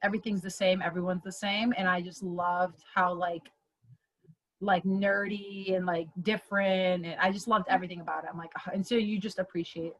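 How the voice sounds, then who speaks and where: A woman's voice: lowish voice, steady tone, normal speed, a bit bright, rough recording. A woman in her twenties from Michigan, chatting casually as an alumna guest and filling her talk with "like". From Michigan, US Midwest. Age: 20s. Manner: chatty, lots of "like" fillers. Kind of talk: casual chat interview.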